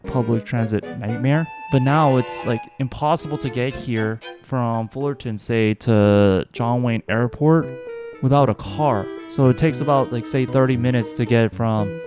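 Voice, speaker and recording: A man in his twenties with an American accent, giving a casual, informal opinion rant with sweary, exasperated asides. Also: mid-range voice. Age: 20s. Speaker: video host.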